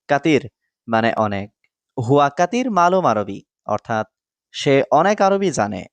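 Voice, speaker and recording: A man reading out a scripted language lesson, repeating each phrase and explaining it word by word in a measured way. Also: medium pitch, clean tone, no room sound. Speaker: language teacher.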